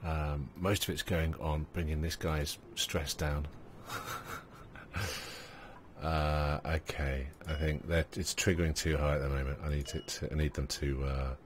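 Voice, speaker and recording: Speaking with a very deep voice and flat delivery, this gaming channel host narrates his let's play at a measured pace, with a little hiss or hum in the audio. He rambles through his thoughts, fills pauses, and occasionally addresses his tiny in-game characters.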